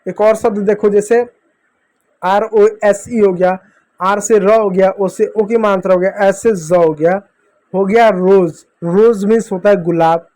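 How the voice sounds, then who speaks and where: Guy with a high voice, teaching english spelling rules, repeats every step and quizzes himself. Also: fairly even intonation, measured pace, dark tone. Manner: repetitive, drilling, asks and answers his own questions. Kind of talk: explaining a phonics lesson to beginners.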